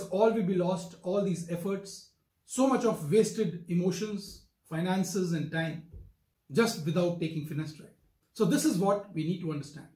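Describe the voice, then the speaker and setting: Speaking to camera from an indoor office furnished in wood, this Indian-accented hair transplant surgeon, probably in his 60s, delivers a formal, emphatic explanation at a measured pace. His voice is high-pitched with a darkish tone, and the room echoes noticeably.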